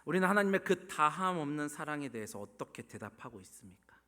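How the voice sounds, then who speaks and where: A man preaching a sermon as pastor, swinging from loud pleading questions to hushed whispers. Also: a little high, sing-song, fast talker. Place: church sanctuary. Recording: long church hall reverb.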